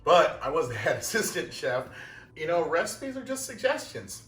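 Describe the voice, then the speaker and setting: A man's voice: a little high, big pitch swings, moderate pace, a bit bright. A young man hosting a casual cooking vlog, chatty and self-deprecating, talking while he eats. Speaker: cooking show host. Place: home kitchen. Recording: roomy kitchen, mic at a distance, music.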